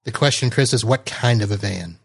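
A man's voice: lowish voice, fairly quick, vocal fry, breathy edge. A man from Florida hosting a casual podcast, chatty and often laughing as he reads. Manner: chatty, laughs while reading. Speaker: podcast host.

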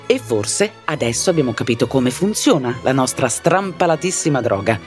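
Male narrator, mid pitch, animated, ironic storytelling over soft background music. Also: normal speed. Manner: theatrical, lively storytelling with ironic asides.

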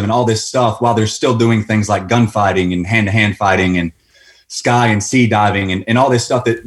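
Male show caller, from North Carolina, low voice, eager, casual, long detailed question. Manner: eager, laid-back, lays out background before asking. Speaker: caller to a call-in fitness show.

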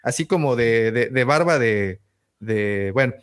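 A man's voice: mid-range voice, lively intonation, measured pace, smooth. A man with a Mexican accent co-hosting a podcast, playful and teasing in casual slang. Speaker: podcast co-host. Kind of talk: casual chat.

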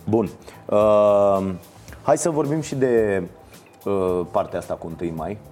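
A man's voice: lowish voice, mellow, soft background music. An older man hosting a podcast, telling loose, chatty stories with frequent casual interjections. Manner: loose storytelling, frequent "bă" and "frate". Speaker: podcast host. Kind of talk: casual chat.

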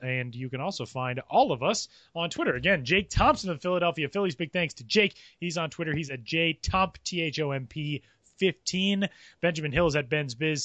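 A man in his thirties hosting a casual podcast, joking and upbeat in quick banter. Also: on the high side, bright, forceful tone, no room sound. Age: 30s. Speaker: podcast host.

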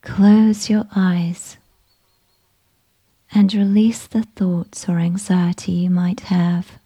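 A woman whispering a slow, soothing guided meditation with gentle instructions. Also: on the low side, level tone, breathy edge.

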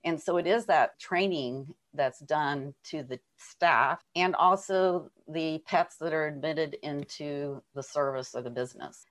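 A woman guest on a radio interview, explaining her work earnestly. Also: low-pitched. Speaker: guest, dog business coach.

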